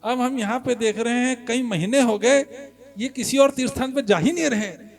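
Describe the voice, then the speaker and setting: A man's voice: very high voice, moderate pace, creaky. A man preaching a devotional sermon, telling the story with animation and putting questions to the audience.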